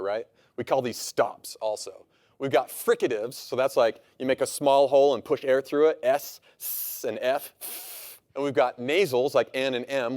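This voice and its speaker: A man's voice: medium pitch, a little mellow. Playful man sounding out phonetics. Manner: playful, demonstrative, sounds out letters. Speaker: programmer explaining a point. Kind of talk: animated explainer from a played clip.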